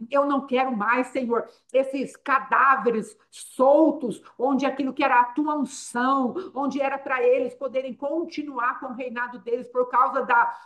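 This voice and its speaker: A Brazilian woman preaches with a fairly high voice. She repeats her phrases for emphasis and moves between loud stress and quiet intensity. She sounds middle-aged and fervent. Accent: Brazilian Portuguese. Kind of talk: sermon.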